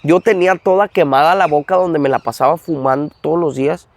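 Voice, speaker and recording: A man with a Mexican accent, a guest in an interview recounting a personal testimony in an animated way, acting out the dialogue. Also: fairly high pitch, fairly quick, dry recording. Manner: animated, acts out dialogue in retelling. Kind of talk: storytelling testimony.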